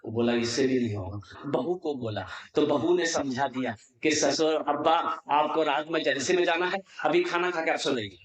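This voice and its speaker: A man's voice: on the high side, moderate pace, echoey room, poor audio. A male preacher from Kolkata at a religious gathering, telling a comic folk story into a stage microphone and acting out the lines of the people in it. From Kolkata, India. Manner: animated storytelling, acting out family members' lines. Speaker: Islamic preacher.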